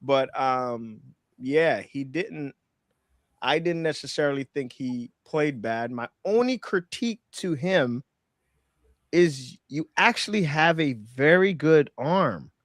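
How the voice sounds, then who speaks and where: A man in his forties co-hosting a sports podcast, talking in a halting, emphatic way with lots of repeated words. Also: a little high, expressive, dry recording, clean studio sound. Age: 40s. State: out of breath. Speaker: podcast co-host and referee. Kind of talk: casual sports chat.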